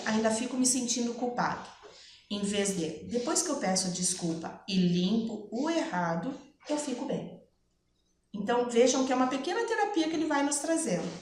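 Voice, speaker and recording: A woman gives a conversational spiritist lecture, often asking her listeners "né?". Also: a little high. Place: spiritist center hall. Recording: echoey hall with faint noise.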